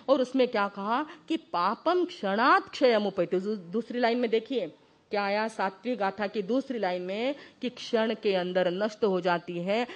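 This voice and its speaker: Slow-speaking woman giving a sermon. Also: medium pitch. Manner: explains verses slowly, asks questions of the listeners. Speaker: Jain religious teacher. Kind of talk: devotional discourse with chanted verses.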